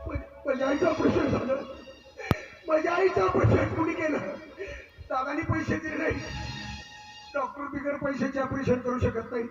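A desperate young son, played by a man on a folk stage, cries out his pleas in a very high, strained voice. Loud music swells behind him, and the sound is echoey and distant. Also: normal speed, highs cut off. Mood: anguished. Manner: anguished wailing pleas, sobbing shouts. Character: desperate poor young son pleading with god. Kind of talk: live folk stage drama. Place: open stage performance.

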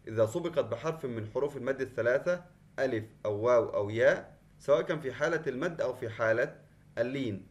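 A male teacher giving an online class lesson at a measured, patient pace. His voice sits in the middle range. He explains step by step and repeats the key points. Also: medium pitch. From Qatar. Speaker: Arabic teacher.

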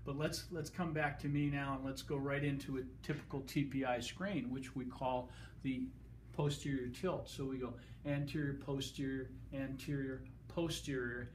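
A man's voice: medium pitch, steady tone, moderate pace. A middle-aged man with a mid-range voice explains a demonstration lesson in his clinic room. He talks the camera operator through each step. He is picked up by a camera mic a few feet away, with a faint background hum.

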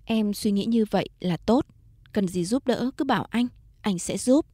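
A woman voicing a caring, successful man who speaks softly and reassuringly in a storybook reading. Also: mid-range voice, moderate pace, no echo, studio quality, natural voice. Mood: gentle.

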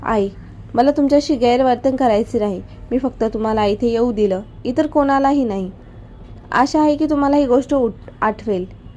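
A bitter widowed mother hurls accusations at her husband's killer, as a woman reading the story voices her. Her voice is warm-toned and fairly high, with a hard, accusing edge. It is part of a storybook narration. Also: normal speed, lo-fi sound, faint music behind, lightly acted. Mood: cold. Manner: angry, accusing.

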